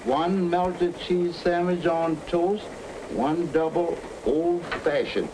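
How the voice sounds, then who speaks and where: A high-voiced, servile waiter muddles through folksy screwball banter. He sounds flustered, in 1930s film style, over a clearly noisy soundtrack. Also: takes it slowly.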